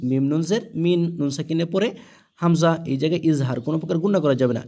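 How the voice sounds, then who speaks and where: A man with a slightly high voice and a Bangladeshi Bengali accent teaches Quran reading. He spells out the letters and vowel marks one by one, then recites each word slowly and carefully, and often asks and answers his own questions. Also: dark tone.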